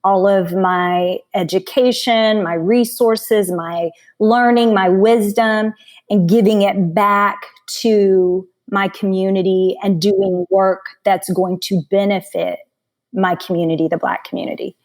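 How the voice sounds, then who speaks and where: A woman in her forties, a coach and author, chatting as a podcast guest in a frank, animated way, laughing and swearing freely. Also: medium pitch, slow. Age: 40s. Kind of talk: casual chat.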